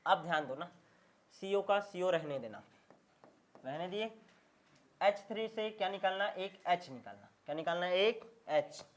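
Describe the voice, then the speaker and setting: A man's voice: sits high, a little slow, long pauses. Emphatic man drilling a chemistry class. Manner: call-and-response drilling, repeats questions and answers; emphatic, checks understanding often. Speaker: chemistry teacher. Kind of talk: classroom lecture.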